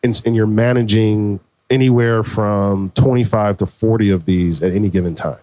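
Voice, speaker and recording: A man in his forties, a podcast co-host, telling his story in a relaxed, slangy way. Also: on the low side, normal speed, no echo. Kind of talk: casual conversation.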